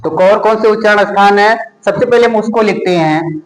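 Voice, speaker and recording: A man teaching a class, asking a question and then giving the answer himself, spelling out each item slowly and one by one. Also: high-pitched, reverberant, low-quality recording. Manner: repetitive question-and-answer drilling, slow deliberate spelling out. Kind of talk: classroom lesson with call-and-response drilling.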